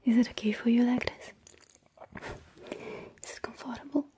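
A woman whispering softly and gently in an ASMR roleplay, caring for someone as a nurse-like caregiver. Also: fairly high pitch, steady tone, slight background noise. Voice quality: breathy whisper. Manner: soft, gentle, slow whispering. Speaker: ASMR performer.

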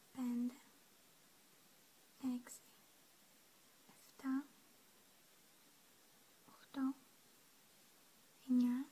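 A woman teacher giving an ASMR language lesson, whispering softly throughout with calm, gentle instructions. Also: sits high, slightly rough, poor audio.

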